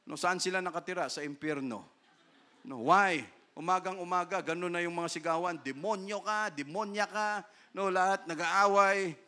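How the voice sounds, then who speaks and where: A man pastor preaching a sermon. He mixes Filipino and English, keeps asking "no?", and reads scripture slowly in old King James wording. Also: steady tone, clean tone. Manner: rises to loud, high emphatic bursts.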